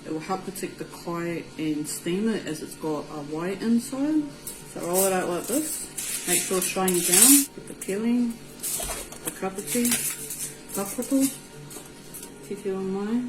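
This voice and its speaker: A woman with a New Zealand Māori accent giving an easygoing, informal cooking tutorial, mixing in Māori words. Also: medium pitch. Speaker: home cook presenting a recipe. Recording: roomy echo with music behind. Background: music.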